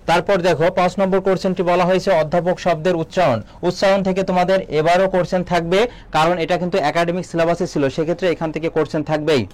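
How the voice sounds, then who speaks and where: A young man teaching a live online exam-prep class, asking quick questions and reading out viewers' comments. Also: sits high, level tone. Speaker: admission coaching teacher.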